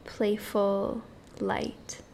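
A woman leading a guided meditation in a soft, hushed, partly whispered voice, speaking in short phrases with long pauses. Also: mid-range voice, little pitch movement, vocal fry, slight background noise.

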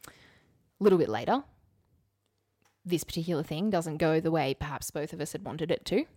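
This young woman co-hosts a podcast, chatting casually and telling stories in a candid, wry way and repeating things for emphasis. Her voice sits low, dark and slightly rough, and she talks fairly quickly. The recording is studio quality with no room sound.

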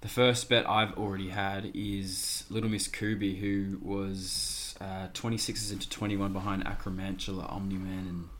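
A young Australian man co-hosting a racing podcast, flat and monotone, nasal from a cold, with many fillers. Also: sits low, moderate pace, few pauses. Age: young adult. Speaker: podcast co-host, tipster. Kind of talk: casual podcast chat.

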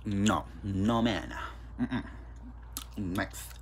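Speaking extremely slowly in a lowish voice, a man in his twenties with a Mexican accent hosts his own casual podcast. He's candid and blunt, leaning on fillers and swearing a lot. Slight background noise can be heard.

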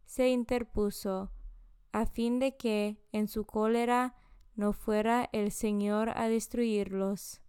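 A woman reading scripture and daily prayers in a measured, solemn devotional style. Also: on the high side, darkish tone, smooth, dry recording, clean studio sound. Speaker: scripture reader.

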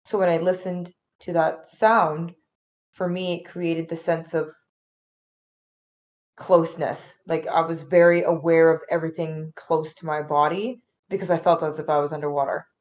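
A woman's voice: low-pitched, level tone, normal speed, muffled recording. A woman in a casual discussion, describing her impressions thoughtfully.

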